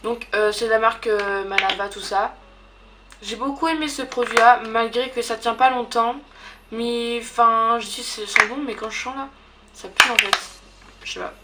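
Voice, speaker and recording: A woman's voice: a little high, steady tone, normal speed, background noise. A young woman chatting casually in a beauty product review, hesitant and full of fillers and restarts. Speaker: beauty vlogger.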